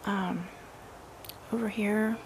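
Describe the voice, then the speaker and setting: A woman giving a casual walking tour of her backyard garden, relaxed and admiring, thinking aloud with some fillers. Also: medium pitch, drawn-out words, gravelly, noisy background.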